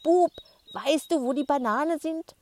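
A woman voicing a bossy old grandmother who shouts and scolds in a raised, higher voice. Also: expressive, moderate pace, slight background noise. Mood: shouting.

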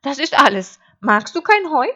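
A woman voicing a naive, excitable little sheep with a thin, high, piping voice for a storybook reading. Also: moderate pace, muffled recording, heavily acted. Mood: excited. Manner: eager and wide-eyed.

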